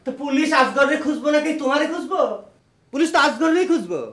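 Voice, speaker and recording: A man's voice: very high voice, expressive, fast talker, fairly bright tone. An actor playing a middle-aged, belligerent drunk village father in a comic TV drama, ranting sarcastically in a rural Bangladeshi accent. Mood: taunting.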